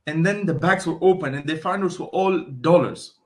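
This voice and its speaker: A man's voice: a little high, brisk. Man explaining at length. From Afghanistan. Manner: explanatory, storytelling, with frequent restarts. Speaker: guest. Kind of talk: casual interview.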